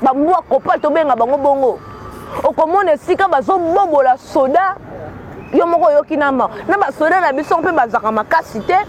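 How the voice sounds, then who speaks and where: Her high, expressive voice moves a little quickly as she delivers earnest spoken commentary in a mix of Lingala and French. She's a Kinshasa woman with a Congolese accent who often repeats words while hunting for them.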